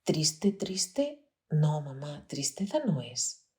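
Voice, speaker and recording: A woman voicing her gentle, thoughtful seven-year-old son, speaking softly through tears. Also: fairly high pitch, big pitch swings, extremely slow, heavily acted. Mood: tender. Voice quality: softly tearful.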